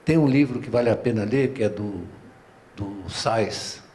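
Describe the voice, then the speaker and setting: An older man with a Paulistano Brazilian accent, speaking on a round-table panel in an unhurried, discursive way, often tagging his phrases with a questioning aside and restarting his sentences. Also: lowish voice, dark tone, a little hiss or hum. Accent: Paulistano Brazilian Portuguese. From São Paulo, Brazil. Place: museum auditorium.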